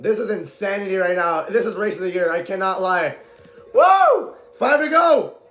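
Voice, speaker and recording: Calling a stock car race live as an amateur, this man gets so excited that he shouts often, and his voice grows hoarse under the strain. His voice is high, his pace normal, and the room around him is echoey.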